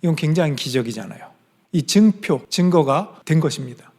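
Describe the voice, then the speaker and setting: A man's voice: a little high, lively intonation, a little fast, darkish tone, slightly rough. A man preaching a sermon in church, telling a Bible story with rhetorical questions and acted-out quoted lines. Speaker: pastor. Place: church sanctuary. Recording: long hall reverb.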